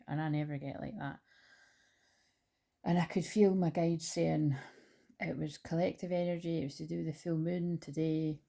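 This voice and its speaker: A woman who hosts a spiritual channel chats casually to camera at home with her dog beside her, holding her phone in her hand. Her voice sits low and creaky with a dark tone, and she rambles with lots of fillers and restarts.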